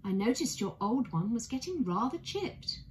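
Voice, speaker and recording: During a children's storybook reading, a woman voices a young bear who is earnest, polite, apologetic, courteous and eager to please. Her voice is a little high with big pitch swings, she speaks at a moderate pace, and there's slight background noise.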